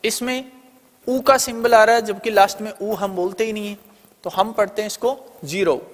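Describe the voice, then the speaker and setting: An Indian man leads an exam-prep lesson, talking through each answer choice and answering his own questions as he goes. His voice sits high for a man. The sound carries a long, reverberant room tail. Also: steady tone, normal speed. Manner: explains step by step, often asking and answering his own questions. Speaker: teacher.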